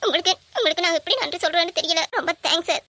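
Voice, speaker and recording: A woman's voice: very high voice, rapid-fire, bright, forceful tone, no room sound, full character voice. A young woman voicing an emotional, lovestruck college girl in an audio drama, speaking in a pleading way. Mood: frightened. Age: young adult.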